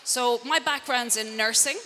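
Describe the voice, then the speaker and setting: A woman's voice: fairly high pitch, measured pace, bright, forceful tone. A middle-aged woman with a west of Ireland accent gives a conversational motivational talk to a live audience, using rhetorical questions and wry asides about herself. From Connemara, Galway, west of Ireland. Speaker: transformative coach and speaker. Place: indoor event room before an audience. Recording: reverberant hall, clear background noise.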